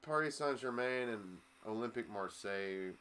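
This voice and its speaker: A man's voice: on the low side, lively intonation, normal speed, fairly bright tone, clear, resonant tone. A man co-hosting a casual sports chat, laid-back and rambling, swearing now and then. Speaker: podcast co-host.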